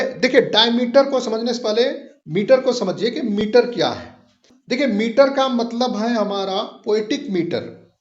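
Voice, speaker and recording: A man explaining a literature lesson as a teacher, patiently repeating points and checking whether listeners follow. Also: high-pitched. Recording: echoey, dull lo-fi room recording.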